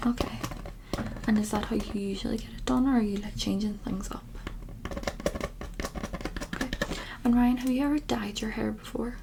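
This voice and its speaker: A woman in an ASMR role-play, giving breathy ASMR personal attention close to the mic, with tingly mouth sounds and softly repeated words. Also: a little high, steady tone, normal speed, long pauses, noisy background. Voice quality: breathy unvoiced soft voice. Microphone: close-up ASMR microphone.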